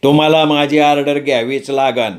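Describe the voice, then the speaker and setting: A man's voice: on the high side, fairly even intonation, moderate pace, close to an everyday voice. Man doing a brash greedy glutton. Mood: demanding. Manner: blunt, demanding.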